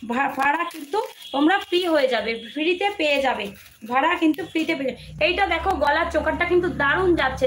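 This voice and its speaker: Woman, very high voice, live-stream seller, coaxing, repetitive, strained throat, no mic, faint background noise. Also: a bit bright. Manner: repetitive, coaxing, many fillers and restarts. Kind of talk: casual live-stream sales pitch. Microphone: no microphone, phone or camera mic.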